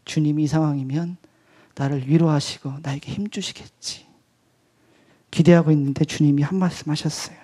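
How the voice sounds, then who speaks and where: A male pastor and missionary giving a testimony at an evening church service, swinging between loud outbursts and hushed whispers. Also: a little high, steady tone, normal speed, breathy edge. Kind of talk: sermon testimony.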